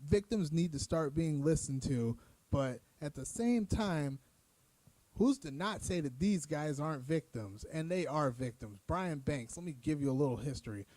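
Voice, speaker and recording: A man's voice: a little high, expressive, normal speed, mellow, dry recording. Heated man ranting on a show. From United States. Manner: heated, emphatic, repetitive, profane. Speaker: show host. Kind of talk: opinion commentary rant.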